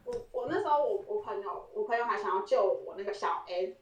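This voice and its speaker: A woman's voice: mid-range voice, lively intonation, brisk, distant mic. A woman, co-hosting a podcast and telling a story in casual chat. She laughs often and acts out the quoted lines. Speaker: podcast co-host. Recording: roomy echo, voice set back from the mic.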